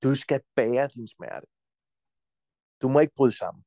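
A Danish man talking as a podcast guest, giving forceful advice bluntly and insistently, with frequent swearing. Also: medium pitch, lively intonation, no room sound.

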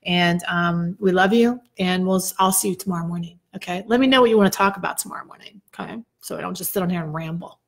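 A woman's voice: on the low side, quick pace, hardly any pauses. Chatty woman co-hosting a podcast. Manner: chatty, teasing. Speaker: podcast co-host. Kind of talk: casual chat.

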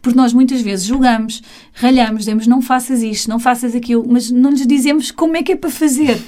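Woman, European Portuguese accent, teacher, fairly high voice, animated, mimics voices. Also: fast. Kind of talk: casual conversation.

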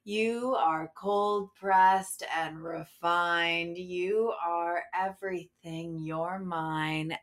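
A woman leads a sensual guided meditation as if speaking right into your ear. Her voice sits a little low and moves extremely slowly. She lingers on her words in a breathy murmur that at times nears a whisper. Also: fairly even intonation. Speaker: host of a sensual devotional show. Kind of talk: slow, sensual guided meditation, intimate and close.

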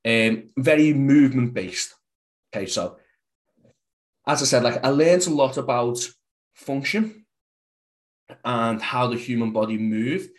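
A man's voice: mid-range voice, animated, unhurried, long pauses. Rambling Scouse man on a podcast. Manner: rambling, heavy use of "like". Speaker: podcast guest, fitness coach. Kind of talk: casual podcast chat.

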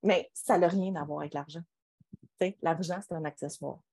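Low-pitched woman with Quebec French accent. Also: fairly even intonation, a little fast, vocal fry, dark tone, no echo. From Quebec, Canada. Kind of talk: casual podcast conversation.

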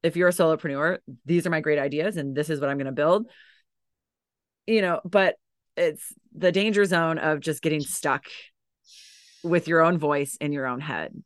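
Speaking at normal speed in a deep, scratchy voice worn out by teaching, a dance educator and coach chats as a podcast guest. The casual conversation has many fillers and restarts, and the studio-quality recording carries no room sound.

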